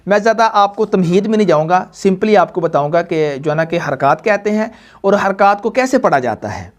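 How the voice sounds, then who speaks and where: A man's voice: sits high, animated. A man teaching a Quran reading class, patiently repeating points and quizzing students in call-and-response. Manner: repetitive call-and-response questioning; patient, slow drilling. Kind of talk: classroom lesson to students and viewers.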